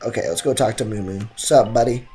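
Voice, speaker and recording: This young streamer talks brisk and warm, his medium-pitched voice slightly rough, as he commentates his own game live. He's slangy and sarcastic, cracking jokes and repeating himself often, with game music in the background.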